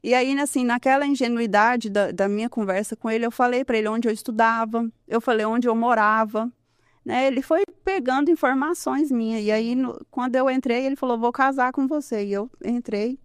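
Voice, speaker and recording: A woman's voice: a little high, brisk, clean tone, no echo, studio quality. A woman in her thirties telling her personal testimony in an interview, earnest and conversational, often ending phrases with a questioning tag. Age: 30s. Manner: earnest, tells her story with frequent "né?" and soft laughs. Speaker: guest giving a testimony.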